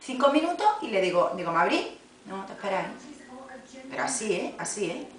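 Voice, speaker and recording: Indignant flight attendant, far off. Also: female voice, medium pitch, big pitch swings, fairly quick, crowd noise. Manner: indignant, swearing, acts out quoted dialogue. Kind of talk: casual chat, telling a story. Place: home, indoors. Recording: echoey room, far from camera, clattering dishes.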